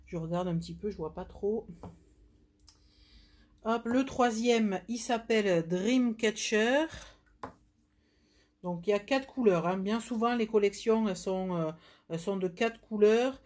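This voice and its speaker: A woman's voice: medium pitch, moderate pace, dark tone. A woman with a southern French accent, chatting through a live nail polish demo with many fillers and restarts. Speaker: nail product seller.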